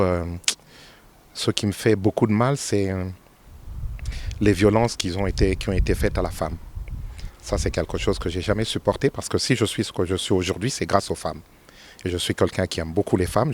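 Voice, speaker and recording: A man in his fifties from Congo, answering interview questions with many pauses and fillers, rising emphatically on key points. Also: low-pitched, a little mellow. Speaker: interview guest, politician.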